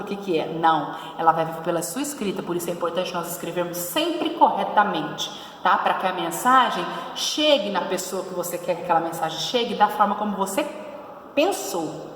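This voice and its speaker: A woman's voice: medium pitch, very echoey, in a large hall, recorded from a distance. A Brazilian woman teaching a grammar lesson to pupils, patiently stretching out verb endings and checking in often to ask whether they follow. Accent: Brazilian Portuguese. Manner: patient, drawn-out stress on verb endings, frequent "tá bom?" check-ins. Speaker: Portuguese teacher.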